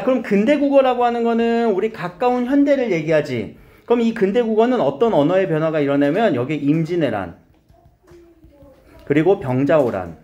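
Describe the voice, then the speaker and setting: A man teaching a high school grammar lesson, asking his students questions, coaxing answers and repeating key terms. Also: a little mellow, highs cut off.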